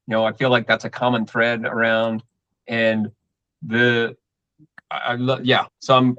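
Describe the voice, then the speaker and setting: A man's voice: medium pitch, fairly bright tone, no echo, lo-fi sound. Enthusiastic rambling man on a call. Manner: enthusiastic, rambling, many restarts. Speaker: community participant. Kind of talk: casual online meeting chat.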